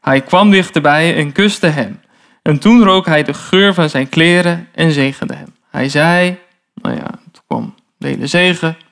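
A man's voice: a little high, a little slow, vocal fry, a bit bright. A man giving a sermon, reading a Bible story aloud and breaking off for chatty comments in a storytelling manner. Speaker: preacher. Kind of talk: sermon, reading scripture aloud with casual asides.

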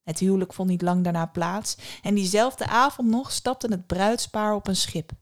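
Calm woman reading a fairy tale. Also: mid-range voice, moderate pace. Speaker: storyteller.

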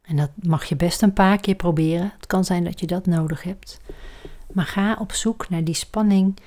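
A woman leading a guided relaxation exercise, speaking calmly and softly and often trailing into breathy near-whispers. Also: fairly low pitch, moderate pace.

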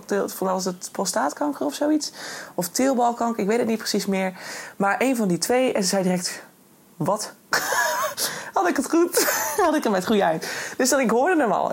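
A young woman talks straight to her listeners in a relaxed solo podcast, encouraging and chatty, now and then slipping English phrases into her talk. Her voice sits at a middling pitch with a slightly husky, breathy edge. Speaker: podcast host and intuition coach. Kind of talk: casual solo podcast monologue.

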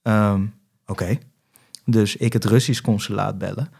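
A man's voice: fairly low pitch, fairly even intonation, unhurried, vocal fry, darkish tone, slightly rough. A young man from the Netherlands, a podcast guest, tells a travel story in casual chat and acts out phone calls.

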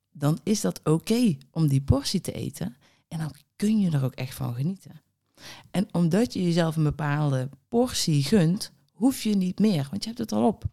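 A woman's voice: low-pitched, vocal fry, darkish tone. A woman hosting a solo podcast as a diet coach, talking in a chatty, blunt way with mild swearing and acted inner thoughts. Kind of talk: casual solo podcast monologue.

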